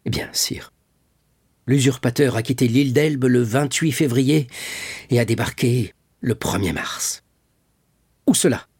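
A man reading an audiobook, voicing a frightened male minister of police who speaks in a hushed, faltering half-whisper. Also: mid-range voice, a little slow, breathy edge, no echo, studio quality. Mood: dreading.

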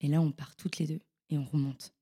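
A young woman, a podcast guest, telling her stories in a casual, animated and slangy way. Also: deep voice, brisk, slightly rough. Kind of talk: casual storytelling interview.

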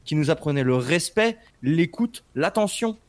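A man's voice: on the high side, lively intonation, normal speed. A man co-hosting a radio show in a studio, talking earnestly and repeating himself as he rambles. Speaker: radio co-host. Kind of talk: casual radio talk.

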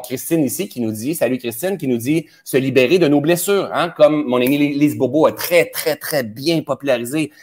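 Man, Québécois accent, mid pitch, spiritual live stream host, casual direct address, frequent fillers. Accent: Québécois French. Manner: warm, spiritual, talks straight to viewers with many fillers. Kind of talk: casual live stream talk, greeting viewers. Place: indoors, traveling.

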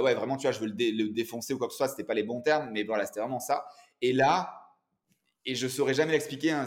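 A man in his forties, a guest entrepreneur and coach, telling his story in a casual interview with lively energy. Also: mid-range voice. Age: 40s.

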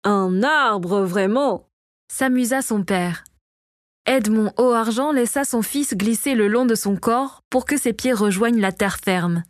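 A woman reading a fantasy novel aloud as narrator, in a steady storytelling voice, close to the mic. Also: fairly high pitch, unhurried, no room sound. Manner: steady, even storytelling read. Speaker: audiobook narrator. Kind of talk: scripted narration.

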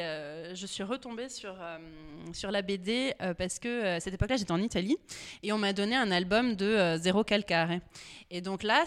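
A woman guest on a podcast, an editor who talks about comics with a lot of pauses, fillers and restarts. Her voice is smooth and clear, sitting a little low in pitch. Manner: hesitant, many fillers and restarts. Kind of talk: podcast interview.

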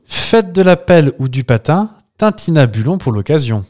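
A man's voice: fairly high pitch, sing-song, moderate pace, a little mellow. A man co-hosting a podcast in casual, playful chat, often laughing at his own jokes. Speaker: podcast co-host.

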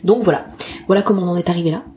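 A woman's voice: fairly low pitch, rapid-fire, warm tone. A woman of about thirty hosting a casual solo podcast, speaking candidly with slangy, self-deprecating asides and often searching for words. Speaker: podcast host, photographer.

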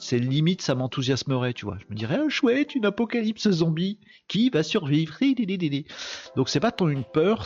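A man's voice: mid-range voice, vocal fry, muffled recording. Slangy man hosting a live tech show. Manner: slangy, joking, talks straight to viewers. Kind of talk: casual live-stream talk on tech news.

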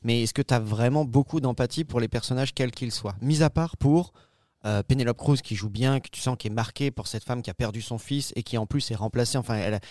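A man's voice: mid-range voice, fairly quick, darkish tone, no room sound, clean studio sound. A man discussing a film in casual panel chat, conversational and questioning.

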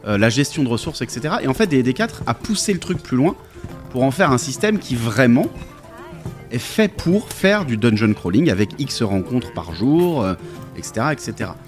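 A man's voice: mid-range voice, big pitch swings, moderate pace, soft background music. A man talking casually about tabletop role-playing games, thoughtful and hesitant with many fillers.

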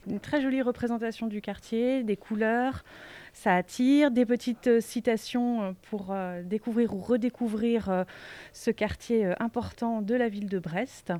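A woman's voice: a little high, fairly even intonation, normal speed, mellow, dry recording. A woman bookseller recommending a map, speaking hesitantly with many fillers. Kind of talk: casual book recommendation.

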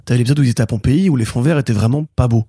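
Fast, husky-voiced opinionated man. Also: mid-range voice, warm tone, no room sound, clean studio sound. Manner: opinionated, heated. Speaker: podcast co-host. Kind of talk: casual critical chat.

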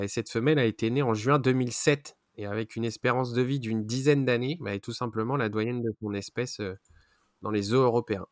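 A man presenting a zoo news roundup on a podcast, often pausing with fillers and correcting himself. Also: medium pitch, no room sound, studio quality. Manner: frequent hesitations and self-corrections.

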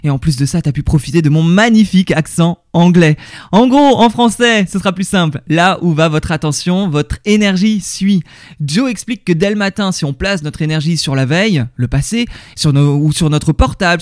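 A talkative man with a fairly high voice explains ideas straight to his listener in a relaxed, conversational way. He hesitates often and repeats words as he gathers his thoughts. The recording is dry and close, with no room echo. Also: a little fast. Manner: chatty, addresses the listener directly. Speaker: vlogger reviewing a seminar. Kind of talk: casual talk to the viewer.

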